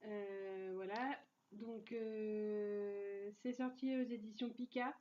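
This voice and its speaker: A woman's voice: medium pitch, steady tone, slow pace, warm tone, lo-fi sound. A young woman casually reviewing manga in a vlog, full of fillers and restarts, and enthusiastic about what she likes. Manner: hesitant, many fillers and restarts; enthusiastic, laughs easily.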